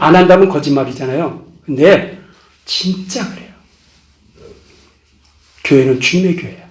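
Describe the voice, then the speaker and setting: A middle-aged male pastor giving a passionate testimony sermon, his voice leaping up on key phrases. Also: reverberant. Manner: impassioned preaching, pitch swings up on key phrases.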